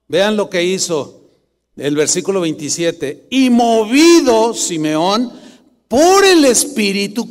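A middle-aged man preaching a sermon as pastor, animated and rising to emphatic bursts. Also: high-pitched. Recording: long church reverb.

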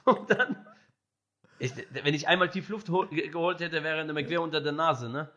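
Young guy, high and bright, animated storyteller who laughs and mimics others. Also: moderate pace. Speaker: podcast guest telling a story.

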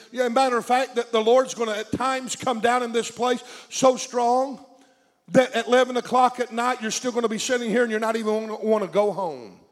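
A man with a Southern US accent preaching a sermon in short, emphatic phrases. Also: high-pitched. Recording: long echoing hall reverb.

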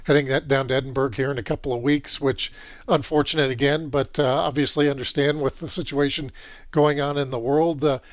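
A man's voice: mid-range voice, steady tone, fairly quick, no room sound. A man hosting an interview, easygoing, with brief acknowledgments. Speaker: interview host. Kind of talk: radio interview.

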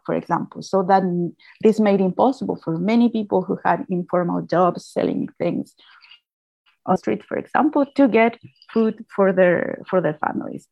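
A woman's voice: fairly low pitch, gravelly, darkish tone, dry recording, lo-fi sound. A woman from Chile giving an explanatory talk, often restarting and repeating phrases. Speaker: guest speaker. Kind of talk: talk presentation.

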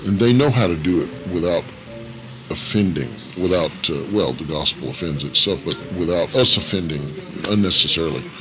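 Very deep disguised man's voice, thoughtful. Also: expressive, rough recording. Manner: halting, thoughtful phrasing. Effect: disguised voice, electronically lowered. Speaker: interview guest, missionary worker. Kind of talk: reflective interview answers. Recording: music under the voice. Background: music.

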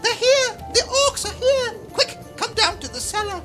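A man voicing a young female tavern barmaid in a high falsetto during a tabletop game. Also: sing-song, unhurried, heavily acted. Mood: panicked. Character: flustered young tavern barmaid, eager to help. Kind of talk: tabletop game role-play. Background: background music.

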